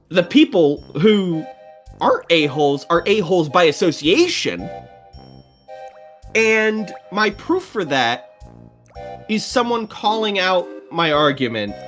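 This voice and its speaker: A woman streamer giving casual reaction commentary, animated, swearing freely and laughing often. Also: sits low.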